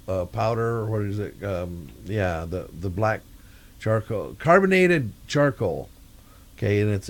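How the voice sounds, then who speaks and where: An older male vlogger rambles casually in a meandering video diary, often searching for words. His voice sits on the low side with a darkish tone.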